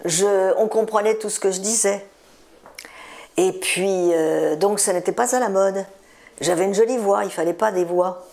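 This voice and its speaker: Gravelly-voiced woman in her seventies. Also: medium pitch, normal speed, dark tone. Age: 70s. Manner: chatty, repeats words for emphasis, laughs between stories. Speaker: singer being interviewed. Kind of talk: relaxed interview storytelling.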